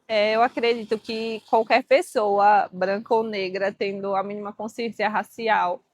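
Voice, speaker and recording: A woman teacher and school coordinator with a Brazilian accent, speaking in a composed, measured interview. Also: mid-range voice, fairly even intonation, dry recording.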